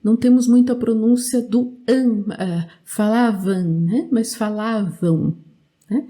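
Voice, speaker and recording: A woman with a Brazilian Portuguese accent teaching a language lesson, speaking clearly and drilling verb forms for learners to repeat. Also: a little high, unhurried, dark tone.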